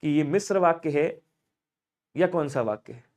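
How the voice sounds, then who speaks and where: A man with a high-pitched voice teaches an online exam-prep Hindi class. He keeps asking the students questions and answering them himself in a call-and-response drill. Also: expressive, moderate pace, a little mellow.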